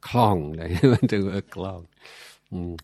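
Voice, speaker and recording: An older man, a Buddhist monk speaking a language that is not his first, telling a story in a halting, self-amused way with many fillers, often clearing his throat. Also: sits low, warm tone, no room sound. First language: not Thai. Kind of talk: reflective dharma talk storytelling.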